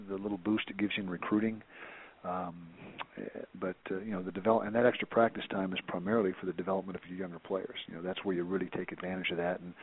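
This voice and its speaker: A man's voice: deep voice, gravelly, slightly rough. A man, a college football head coach, answering reporters' questions on a teleconference, rambling with many restarts and fillers. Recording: tinny phone line.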